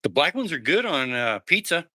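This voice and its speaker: Bright, dry-voiced easygoing man. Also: a little high, very animated, brisk, dry recording. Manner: easygoing, chatty.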